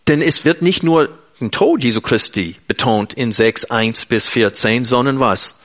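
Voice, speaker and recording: A man's voice: medium pitch, unhurried, a bit bright. A man preaching an earnest, emphatic sermon in German, speaking directly to his listeners.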